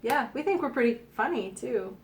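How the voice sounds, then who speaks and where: A woman's voice: fairly high pitch, animated, normal speed, a crowd in the background. A Canadian woman in her forties with a Canadian accent, chatting casually and cheerfully as a food-site co-host. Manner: upbeat, giggly. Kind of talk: casual chat.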